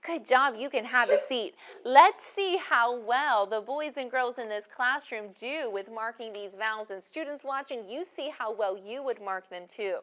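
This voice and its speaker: A woman teaching a first-grade phonics lesson in a classroom, speaking slowly and clearly with encouragement. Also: fairly high pitch, a bit bright, a little hiss or hum.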